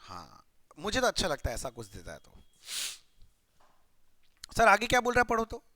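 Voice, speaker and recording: A man's voice: high voice, huge pitch swings, normal speed, pushed and bright, no room sound. A young man teaching accounting in a chatty, playful lecture style, often asking students questions and muttering while he writes. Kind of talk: casual classroom lecture.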